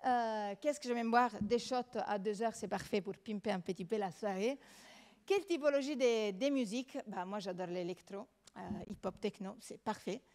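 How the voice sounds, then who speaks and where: A young Italian woman presents an app in French with a clear Italian accent. She is playful and chatty, turns to the crowd with questions, and keeps the pitch light and easy. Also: normal speed, darkish tone. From Italy. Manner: chatty, playful, addresses the audience directly. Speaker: student presenter. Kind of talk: live product demo pitch. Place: event stage before an audience.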